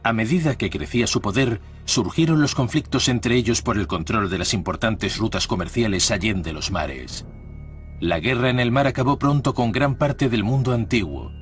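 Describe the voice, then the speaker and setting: A man's voice: on the low side, normal speed. Formal male documentary narrator, faint music. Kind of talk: scripted documentary voice-over.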